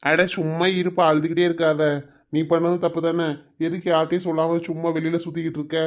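A man's voice: a little high, completely flat delivery, quick pace, lightly acted. A man voicing a polite, teasing young groom-to-be with a southern Tamil Nadu accent. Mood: gentle.

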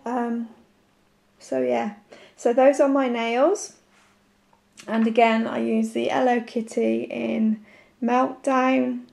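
A woman with a croaky voice from a sore throat, chatting casually and haltingly to camera as a nail art vlogger. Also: fairly high pitch, flat delivery, a little mellow.

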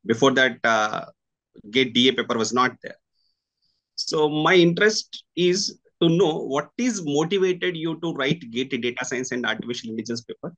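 Male interviewer, thirties, Indian accent, middle pitch, deliberate and halting, coaching-academy teacher on a call. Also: fairly bright tone, muffled recording. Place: small room indoors with curtains.

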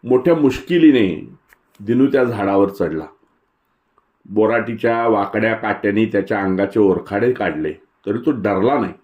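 A man narrating a literary short story in a measured, descriptive way. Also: on the low side, lively intonation, a little mellow. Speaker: story reader.

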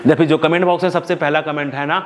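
A man's voice: fairly high pitch, fairly even intonation, rapid-fire. A man giving fantasy cricket tips in a chatty, emphatic way, talking straight to his viewers. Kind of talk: casual analysis video.

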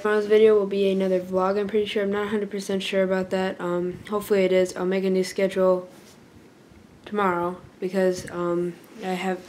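A woman's voice: medium pitch, a little mellow, a little hiss or hum. A young woman talking casually into the camera for a daily vlog, rambling with lots of fillers and restarts. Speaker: vlogger. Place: at home, indoors.

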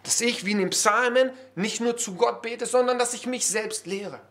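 A man preaching an early morning church sermon, conversational and lively, with many rhetorical questions. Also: very high-pitched, moderate pace.

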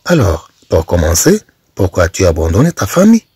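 A man's voice: low voice, huge pitch swings, brisk, warm tone, husky, dry recording, full character voice. A man with a Moroccan accent, voicing a stern old ship captain who fires off curt, demanding questions in a dry voice. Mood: questioning.

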